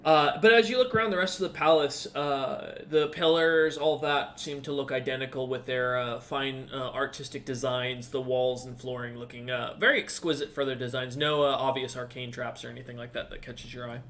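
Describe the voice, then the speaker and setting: A man narrating a tabletop fantasy game as game master, in a halting, descriptive way. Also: medium pitch, steady tone, a bit bright.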